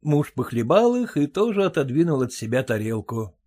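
A man's voice: on the high side, big pitch swings, moderate pace, darkish tone. A man reading a classic short story aloud, narrating plainly between the lines of dialogue. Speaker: reader.

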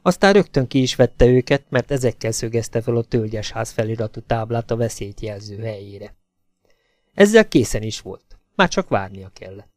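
A man narrating a thriller novel as an audiobook, in a steady, measured reading. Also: mid-range voice, dry recording, studio quality. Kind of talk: scripted narration.

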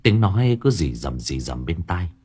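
A man's voice: normal speed, slightly rough. A man narrating a horror story dramatically. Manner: storytelling, dramatic, with lively pitch. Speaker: audiobook narrator.

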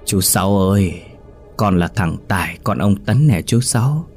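A man's voice: animated, unhurried, a little mellow, soft background music. A man voicing a young male ghost with a bloody head who coaxes a drunk old man to stay with him. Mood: eerie pleading. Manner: coaxing, plaintive; yelps high when hurt.

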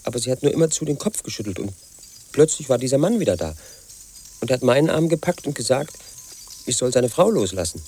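With a breathy edge and a medium pitch, an actor in his thirties talks fast as an obsessive, aggrieved man recounting his own story. The radio play monologue comes out flat and insistent, with a quiet resentment underneath.

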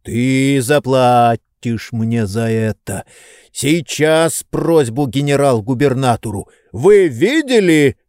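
A man voicing a loud, boorish male sponger in an audiobook, hurling abuse and indignant accusations. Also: mid-range voice, expressive, takes it slowly, dry recording, studio quality. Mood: bellowing abuse. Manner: bellowing, abusive, indignant. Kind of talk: audiobook character voice.

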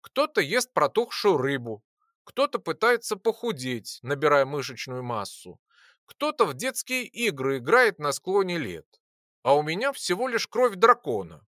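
A woman's voice: sits low, sing-song, measured pace, a bit bright, no room sound, studio quality, exaggerated voice. A narrator voicing a blunt, matter-of-fact young woman with dragon blood in an audiobook. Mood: dismissive. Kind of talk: audiobook character voice.

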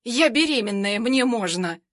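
A woman's voice: a little high, expressive, measured pace, fairly bright tone, no echo, studio quality. Woman doing a shrieking armed villainess. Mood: snarling, shrieking. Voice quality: hoarse snarl. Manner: shrieking, snarling threats. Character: furious, reckless young woman villain with a gun.

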